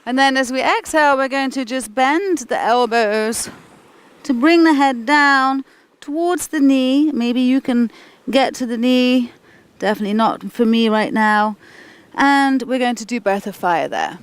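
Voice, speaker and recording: A woman instructs a guided kundalini yoga class in an encouraging, informal way, dropping chatty asides between her directions. Her voice sits high, with a clean tone and an unhurried pace.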